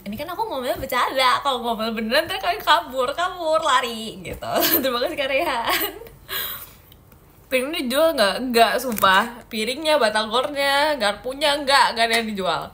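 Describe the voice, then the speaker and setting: Brief: playful young woman from Indonesia, idol livestream host, bright and crisp, a touch high-voiced. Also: animated, moderate pace. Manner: playful and teasing, giggly. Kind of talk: casual livestream chat answering viewer comments.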